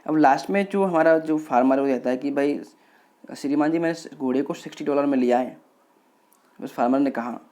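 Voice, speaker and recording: A man's voice: medium pitch, a little fast, darkish tone. A male lecturer retelling a story for students, explaining it with everyday examples and checking whether they follow. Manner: retells characters' lines in plain narration.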